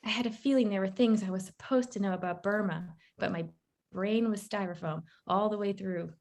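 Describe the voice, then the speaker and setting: Une autrice lit sa nouvelle à voix haute, d'un ton posé et ironique. Sa voix de femme, de hauteur moyenne, suit calmement le récit à la première personne. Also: female voice, medium pitch, brisk, creaky. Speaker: author reading her fiction. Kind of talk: literary reading aloud.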